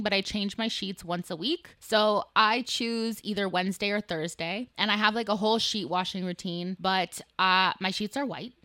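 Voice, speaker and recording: A woman's voice: mid-range voice, a bit bright, dry recording. A woman in her twenties talking casually to camera about her daily routines, chatty and full of "like" fillers. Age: 20s. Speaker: vlogger. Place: her small apartment.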